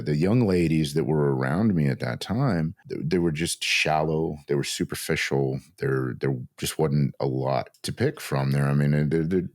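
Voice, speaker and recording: A man's voice: a bass voice, darkish tone, no echo, studio quality. A middle-aged man from the American Southwest co-hosting a casual talk show with his wife, speaking in a reflective, thoughtful way. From West Texas and New Mexico. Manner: reflective, slow and thoughtful, with restarts. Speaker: podcast co-host.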